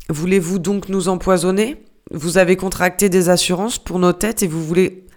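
A hot-tempered ship's mate, as an audiobook reader puts him on mocks and scolds with rhetorical questions, one after another. The reading keeps the reader's own mid-pitched voice. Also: natural voice. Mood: scolding. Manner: mocking, hammering rhetorical questions. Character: irate, sarcastic male ship's mate scolding a steward.

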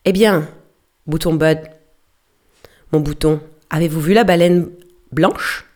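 A woman voicing a brash, joking male whaling mate who mocks and hails loudly across the water. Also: low voice, slow. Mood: hailing.

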